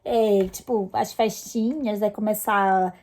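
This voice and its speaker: A woman's voice: medium pitch, fairly even intonation, slow, a little mellow. A young woman from Brazil casually telling a personal story to her viewers, chatty and full of fillers. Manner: chatty, many fillers and restarts. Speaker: vlogger.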